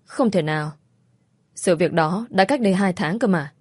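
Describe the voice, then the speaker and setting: A woman's voice: on the low side, moderate pace, darkish tone, no echo, clean studio sound, natural voice. A woman voicing a stressed young husband who snaps in a rush. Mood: angry.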